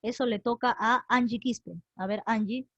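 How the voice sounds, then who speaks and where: Woman teacher, online lesson, animated questioning, muffled dry mic. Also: on the high side, moderate pace, no echo. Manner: animated, quizzes students by name and repeats conjugations aloud. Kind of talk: online class lecture. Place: home online class.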